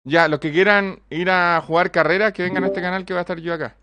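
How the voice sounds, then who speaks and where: A man's voice: sits high, steady tone, fast talker, sharp tone, dry recording, dull audio. A young Chilean man streaming live, chatting with his viewers, swearing freely and joking as he reads out donations. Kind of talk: casual live-stream chat.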